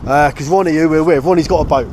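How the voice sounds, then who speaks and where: Speaking fast in a somewhat dark tone, this British host of a boat restoration vlog chats informally and thinks out loud while working hands-on on a small boat. Background noise and an engine-like rumble fill the recording.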